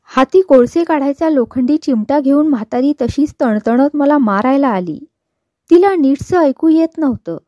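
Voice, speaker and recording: Mellow woman reading a novel aloud. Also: high-pitched, moderate pace, no echo. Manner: steady, even storytelling with quoted dialogue. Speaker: novel reader. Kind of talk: scripted narration of a novel.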